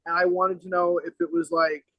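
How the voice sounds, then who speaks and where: A man's voice: sits high, little pitch movement, fairly quick, dry recording, highs cut off. A young man co-hosting a podcast outdoors, brash and rambling, swearing constantly in casual chat. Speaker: podcast co-host.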